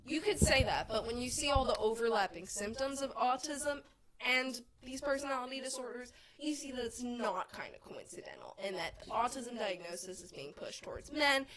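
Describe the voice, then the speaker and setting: A woman's voice: a little high, moderate pace, crowd noise, poor audio. A young woman guesting on a podcast, chatting casually, outspoken and swearing freely. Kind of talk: casual chat.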